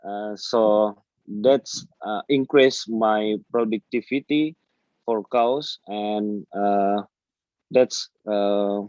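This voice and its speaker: A man with an Indonesian accent, a native Indonesian speaker, explaining haltingly and apologetically in English as he searches for words. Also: lowish voice, darkish tone. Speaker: farmer speaking in a webinar. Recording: dull, echoey online call audio.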